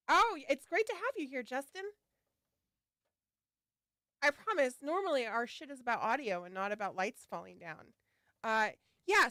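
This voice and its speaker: A yarn shop owner hosts a casual launch livestream in a high-pitched, sharp voice, recorded at studio quality with no room sound. She's chatty and a little scattered, and sounds slightly nasal as she gets over a head cold.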